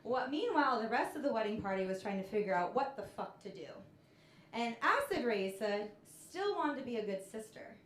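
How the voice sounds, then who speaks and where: A woman in her thirties doing a stand-up comedy set, telling stories in a deadpan way. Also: on the high side, brisk. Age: 30s. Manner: deadpan storytelling with punchlines. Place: comedy club stage with laughing audience. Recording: echoey club room.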